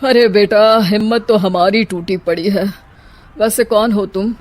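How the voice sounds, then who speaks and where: Frustrated cartoon father, voiced by a woman: medium pitch, blustering, sarcastic grumbles. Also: steady tone, a little slow, darkish tone, natural voice. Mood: weary, defeated. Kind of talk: Hindi moral-story cartoon dubbing.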